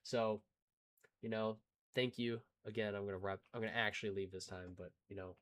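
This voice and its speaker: A man's voice: on the low side, fairly even intonation, a little fast, a bit bright. A young man in his twenties, a gaming YouTuber chatting casually and rambling to his viewers with self-deprecating asides. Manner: rambling, self-deprecating, talks in restarts and filler.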